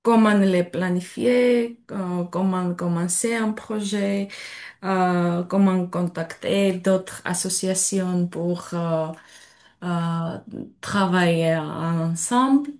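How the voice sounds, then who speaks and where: A woman of twenty-eight from Georgia with a Georgian accent, giving a personal testimony in halting, broken French, searching for words. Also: lowish voice, fairly even intonation, a little mellow. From Georgia (country). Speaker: European volunteer giving testimony. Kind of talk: personal testimony at an information session.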